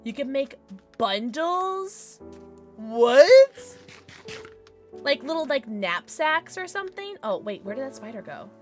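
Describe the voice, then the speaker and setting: Cute, bubbly, high-voiced woman streamer. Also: normal speed, faint music behind. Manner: animated, exclamatory, swinging from murmurs to squeals. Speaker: livestreamer, gaming host. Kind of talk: casual livestream chat over gameplay.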